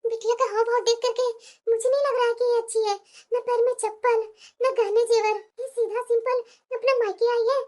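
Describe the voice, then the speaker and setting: Woman playing a worried mom in a cartoon, anxious questions, high voice. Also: flat delivery, fairly quick, a little mellow. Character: worried middle-aged mother, gentle.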